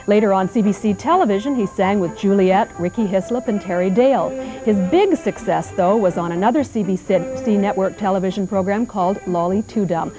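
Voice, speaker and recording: A woman's voice: medium pitch, rough recording. A woman co-hosting a TV show who reads the lineup and introduces her guest in a presenter's delivery. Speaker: TV show co-host, interviewer. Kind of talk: scripted TV intro and interview questions.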